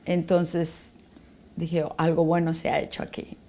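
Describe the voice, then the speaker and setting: A woman's voice: low voice, completely flat delivery, unhurried, mellow. A middle-aged woman giving a personal faith testimony as a guest, telling a story and acting out the dialogue.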